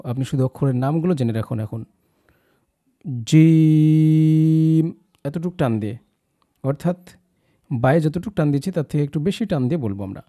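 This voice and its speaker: A young man teaching the Quranic alphabet, encouraging his listeners and drawing out each letter slowly. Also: mid-range voice, mellow. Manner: encouraging, slow drawn-out recitation of letters.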